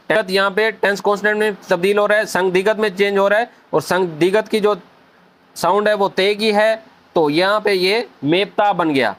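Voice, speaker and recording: A man teaching a language lesson at a whiteboard, explaining each rule step by step and slowly repeating the syllables. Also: high-pitched, fairly bright tone. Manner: often addresses viewers as friends.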